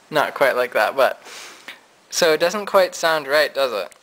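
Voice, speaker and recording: A man's voice: mid-range voice, lively intonation, unhurried, a bit bright, rough recording. A man giving a casual, chatty piano lesson, explaining his points at the keyboard. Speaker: music teacher. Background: piano notes.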